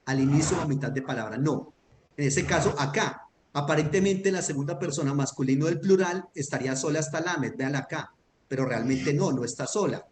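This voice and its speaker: A man's voice: on the high side, a little fast. Patient, methodical male teacher. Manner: patient, methodical, checks understanding often. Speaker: Hebrew teacher. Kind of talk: online grammar lesson. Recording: echoey room with faint noise.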